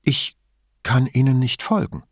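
A man's voice: mid-range voice, measured pace, breathy edge, no echo, clean studio sound. Man putting on an indignant frightened woman vet. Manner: indignant, shaken pleading questions. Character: indignant frightened woman veterinarian, middle-aged.

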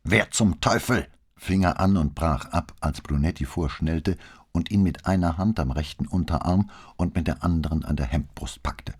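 Brief: deep, husky man for scripted crime-novel narration, steady and deliberate. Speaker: audiobook narrator.

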